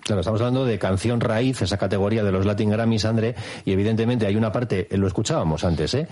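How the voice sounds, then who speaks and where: A man's voice: lowish voice, fast talker, mellow. A man hosting a radio interview, asking questions in a chatty, enthusiastic way. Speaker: radio host.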